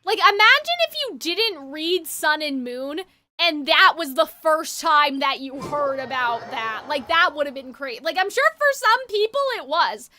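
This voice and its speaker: A woman game streamer chats casually on a livestream, musing aloud in a rambling way while game music plays. Her voice is high-pitched and sharp, animated in delivery, at a moderate pace.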